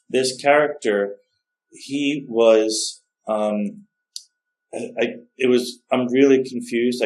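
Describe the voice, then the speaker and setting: A man's voice: on the low side, darkish tone, poor audio. Rambling man narrating a drawing session. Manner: rambling, self-correcting, unsure of pronunciations. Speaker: art tutorial host. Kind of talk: casual narrated drawing tutorial.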